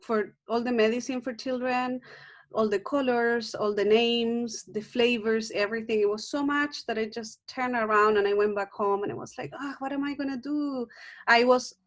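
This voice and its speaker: This native Spanish speaker from Chile, a middle-aged herbalist, chats in a casual video call interview with a Chilean Spanish accent. Her slightly high voice moves at a moderate pace with fairly even intonation; warm and earnest, she frequently restarts and fills pauses.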